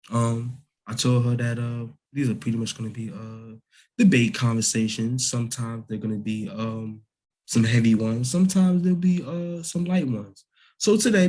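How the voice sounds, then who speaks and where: Husky-voiced young man hosting a casual chat. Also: mid-range voice, dark tone, poor audio. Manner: laid-back, questioning, laughs easily. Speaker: podcast host.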